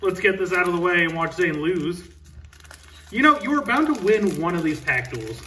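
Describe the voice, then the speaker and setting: Sitting at a table in an indoor room, a man in his thirties co-hosts a card-opening show, cracking dry, self-mocking jokes as he reveals each card in casual chat. His voice sits high and sounds animated and sharp, moving at a moderate pace. He is far from the mic, and the recording is rough.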